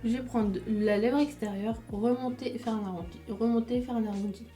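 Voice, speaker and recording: Mellow woman walking through a makeup routine. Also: fairly high pitch, fairly even intonation, a little fast, faint music behind. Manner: chatty, explains each step with fillers. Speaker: beauty vlogger. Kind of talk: casual makeup tutorial.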